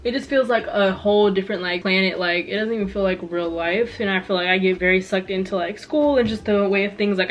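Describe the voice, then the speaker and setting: Young woman vlogging in a medium pitch. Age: around 20. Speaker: student vlogger. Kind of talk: casual chat to camera. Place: small bedroom, indoors.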